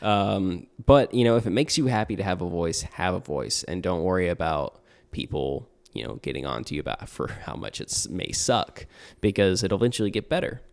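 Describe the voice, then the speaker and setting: A man's voice: sits low, animated, normal speed, creaky, few pauses, darkish tone. A young man talking casually on a podcast about tabletop games, earnest and rambling with restarts and fillers. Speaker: podcast guest, tabletop player and game master.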